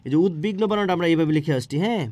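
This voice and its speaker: Fast-talking man teaching spelling. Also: a little high, darkish tone, no room sound. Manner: explains patiently, asking and answering his own questions. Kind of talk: spelling lesson for exam prep.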